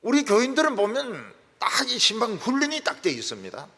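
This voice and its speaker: A man's voice: huge pitch swings, brisk, creaky, sharp tone, husky. A male pastor, preaching a sermon in a folksy storytelling manner. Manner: folksy storytelling with wide swings in pitch and volume. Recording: echoey church hall.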